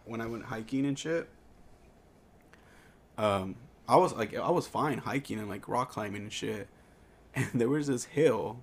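A man's voice: medium pitch, measured pace, long pauses. A man on a casual podcast telling rambling, self-deprecating anecdotes. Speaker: podcast co-host. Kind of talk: casual chat.

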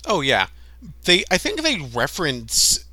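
A man co-hosting a podcast, riffing on a movie in casual chat, animated and jokey. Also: sits high, measured pace, no room sound. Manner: animated, jokey, riffs and laughs along. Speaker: podcast co-host.

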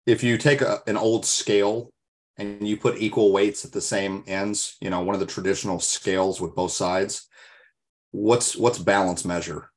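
A man's voice: lowish voice, steady tone, normal speed. A man co-hosting a podcast in casual discussion, talking in an earnest, reflective way, with emphatic rhetorical questions and stories. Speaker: podcast co-host.

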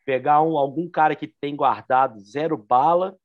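A man's voice: a little high, normal speed, phone-quality sound, a loud crowd. A man with a Brazilian accent in a casual, slangy conversation, talking as one skater to another about gear. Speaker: inline skater discussing gear. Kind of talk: casual chat.

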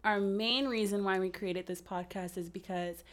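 A woman's voice: medium pitch, steady tone, moderate pace. A young woman with an American accent co-hosting a podcast in informal, emphatic casual chat. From San Francisco Bay Area, USA. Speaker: podcast co-host.

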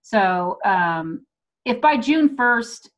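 Female comedian and producer, American accent, mid-pitched, casual conversation, hesitant and thinking out loud. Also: animated, very slow, highs cut off. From Texas, United States. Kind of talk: casual chat.

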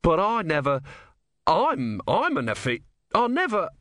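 A man voicing a bewildered young male engineer who stammers in a high, flustered voice. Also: huge pitch swings, slow, a bit bright, no echo, clean studio sound, heavily acted.

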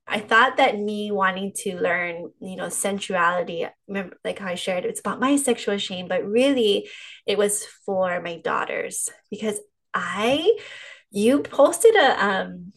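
A woman's voice: medium pitch, expressive, measured pace, a bit bright. A woman hosting a podcast conversation, candid and heartfelt, often laughing and restarting her sentences. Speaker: podcast host.

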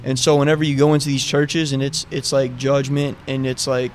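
A man's voice: mid-range voice, level tone, fairly quick, slight background noise. A man chatting informally about faith, in loose sentences that keep checking the listener follows. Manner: informal, loosely structured, peppered with "like", "right" and "you know". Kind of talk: casual faith discussion.

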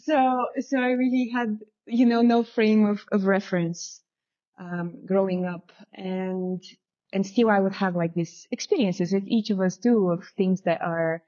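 Speaking unhurriedly in a mid-range, dark voice with fairly even intonation, this Bulgarian shamanic guide in her thirties reflects on her story during a casual interview. The recording is muffled and lo-fi, and she uses "you know" a lot.

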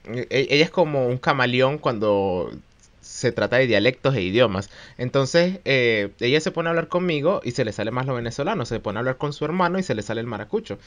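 A man's voice: medium pitch, fairly bright tone. A man with a mixed Chilean and Mexican accent, co-hosting a podcast in casual chat, joking and rambling with many fillers. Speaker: podcast co-host.

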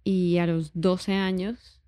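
A woman, a musician who is a guest on a podcast, talking in a relaxed, easygoing way. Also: on the low side, slow. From Colombia. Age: 30s. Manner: relaxed and easygoing, with frequent soft affirmations. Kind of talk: casual interview chat.

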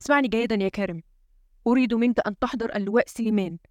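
Woman doing a stressed out president guy, bossy and fast, dry close sound. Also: fairly high pitch, dry recording, close to an everyday voice. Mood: commanding. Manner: urgent, commanding. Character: tense, frustrated male head of state.

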